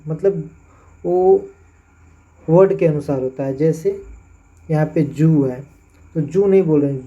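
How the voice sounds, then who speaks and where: A man with a Hindi accent gives a pronunciation lesson at an unhurried, deliberate pace, spelling out each word before saying it. His voice is deep-toned and mellow, and the recording sounds dull and lo-fi. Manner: spells words letter by letter, then repeats them slowly. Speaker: English teacher.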